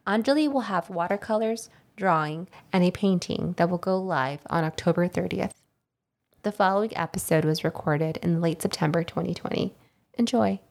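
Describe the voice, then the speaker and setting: A woman's voice: fairly low pitch, moderate pace, gravelly, darkish tone. A woman hosting an art podcast, reading a scripted intro and then chatting casually with short upbeat replies. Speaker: podcast host. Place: living room floor.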